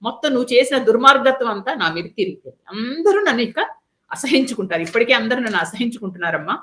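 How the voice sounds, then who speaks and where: A woman's voice: fairly high pitch, lively intonation, rapid-fire, fairly bright tone. A woman voicing a pure-hearted young prince who rebukes his mother in grief. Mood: anguished.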